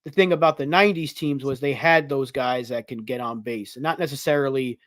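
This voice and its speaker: A man co-hosting a sports podcast in a relaxed, conversational way, full of "like" and "you know". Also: mid-range voice, fairly quick, no room sound, clean studio sound. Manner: conversational, lots of fillers like "like". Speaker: podcast co-host. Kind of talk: casual sports talk.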